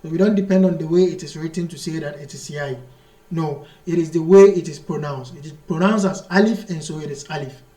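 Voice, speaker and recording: A man with a high voice teaches an Arabic grammar lesson in a room with strong echo. He explains slowly and repeats key terms, reading the Arabic text out fast and then translating it into English at an unhurried pace. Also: mellow. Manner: slow, repetitive explanation, mixing English with read-out Arabic.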